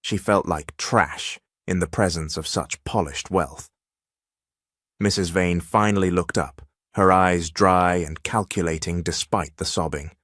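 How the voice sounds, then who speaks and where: A man reading a dramatic story as narrator in a steady, measured way. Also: low voice, no echo, clean studio sound.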